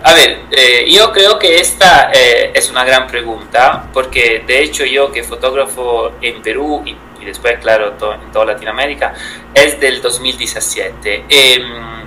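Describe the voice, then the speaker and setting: An Italian photographer in his thirties, speaking Spanish with an Italian accent, answers interview questions thoughtfully but hesitantly as a guest, with many fillers and restarts. His voice is medium-pitched and sharp at an unhurried pace. The recording is rough, with slight background noise.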